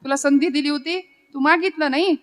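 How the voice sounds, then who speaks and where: A woman's voice: high voice, fairly quick. A Marathi woman preacher giving a devotional kirtan sermon, telling stories and acting out the characters' lines. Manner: dramatic storyteller, voices characters, breaks into Hindi couplets and chant.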